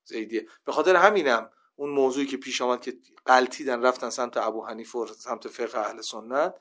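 A man of ordinary pitch delivers a religious lesson, talking through old narrations. He reads the Arabic lines aloud and then explains them in plain speech, raising his voice when he stresses a quoted line. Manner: lively storytelling, rising to loud emphasis when quoting. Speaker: cleric teaching a religion class. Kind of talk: religious lecture.

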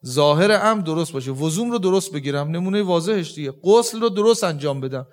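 Man, high voice, religious lecture, explanatory, quotes Arabic verses. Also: animated. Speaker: religious teacher.

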